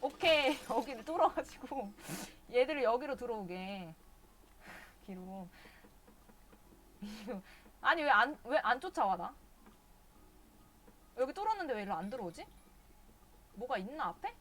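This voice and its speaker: A woman with a fairly high voice streams a game live, chatting away and swearing at the characters in exasperation. A faint hiss of noise sits under her voice. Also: animated, measured pace, long pauses, a bit bright. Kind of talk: casual live game commentary.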